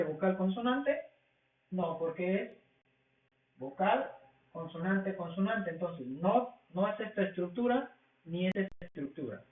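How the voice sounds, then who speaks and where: A man teaching a language class, explaining rules slowly and asking questions that he answers himself. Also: high voice. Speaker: English teacher. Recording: tinny, echoey, from far off the mic.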